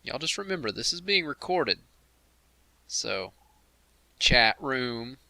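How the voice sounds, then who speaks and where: A man hosting a casual game commentary livestream, chatty and quick to laugh as he talks to the chat room. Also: on the high side, very animated, gravelly, bright, forceful tone, dry recording. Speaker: host of a game commentary stream.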